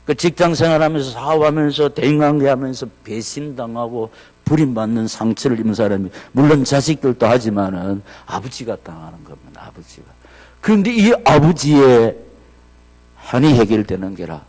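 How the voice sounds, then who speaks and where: A male pastor preaching a sermon in a church, his voice climbing to shouted exclamations of praise. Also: medium pitch, brisk. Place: church sanctuary. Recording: long reverb of a church hall.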